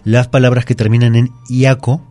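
A man with a medium-pitched, dark voice speaks at a normal pace in a flat delivery. He is a grammar teacher appearing as a guest in a radio studio, patiently and methodically explaining spelling rules and repeating his examples.

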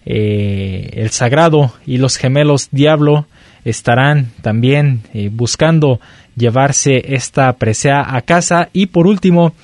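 A man's voice: mid-range voice, slow pace, a little mellow, dry recording. Mexican man hosting wrestling show, dry sound. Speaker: lucha libre show host. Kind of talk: conversational presenting of a wrestling match card.

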